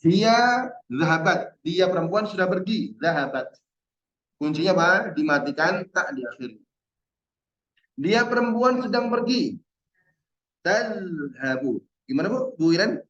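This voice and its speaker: A male teacher in an online Arabic lesson, patiently drilling verb forms and repeating each word slowly. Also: high-pitched, lively intonation, a bit bright. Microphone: video call. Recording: roomy and dull-sounding.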